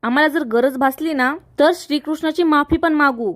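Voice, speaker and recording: A woman's voice: sits high, moderate pace, no echo, clean studio sound, lightly acted. A woman voicing a stern, worried family father in a retold serial story. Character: angry worried adult man, family father.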